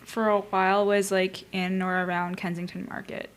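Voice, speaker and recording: A guest from Vancouver giving thoughtful, measured answers in a casual interview. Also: medium pitch, little pitch movement. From Vancouver, Canada. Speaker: guest artist.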